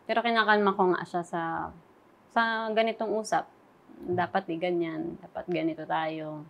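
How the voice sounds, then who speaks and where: A young adult woman, an interview guest, softly recounting a painful relationship story and quoting past conversations. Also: on the low side, flat delivery, normal speed, gravelly, muffled recording. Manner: soft, recounting quoted dialogue. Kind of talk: emotional personal interview.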